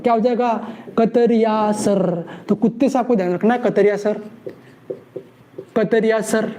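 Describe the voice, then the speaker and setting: A very high-pitched yet dark-toned man teaches exam prep in a playful call-and-response style. He answers his own questions and drills memory tricks, repeating each key word with a mnemonic story.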